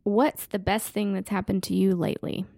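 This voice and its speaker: A middle-aged woman hosting a casual family podcast, asking her kids questions in a gentle, upbeat way. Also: mid-range voice, level tone, moderate pace, creaky, no echo.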